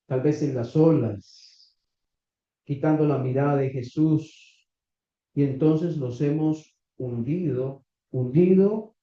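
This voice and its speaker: A man preaching a sermon to a congregation, reading scripture slowly and asking the listeners questions. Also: mid-range voice, steady tone, mellow. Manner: slow, deliberate preaching with rhetorical questions to the congregation. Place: small church meeting room. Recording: echoey, slightly dull church recording.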